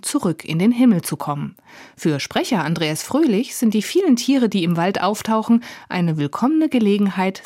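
A woman's voice: medium pitch, a little mellow, dry recording, clean studio sound. Wry female radio book critic. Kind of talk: scripted radio review.

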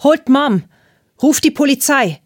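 A woman voicing an alarmed teenage girl who shouts for help in an audiobook. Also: sits high, lively intonation, measured pace, no echo, studio quality, pitched above the performer's own voice. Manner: loud, alarmed. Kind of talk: audiobook character voice.

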